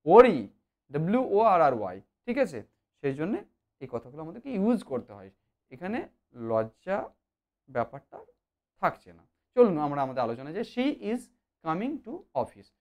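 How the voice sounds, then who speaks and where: Grammar teacher for a kids' lesson; lively, sing-song delivery, fillers, repeats points. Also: medium pitch. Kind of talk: explanatory online lesson.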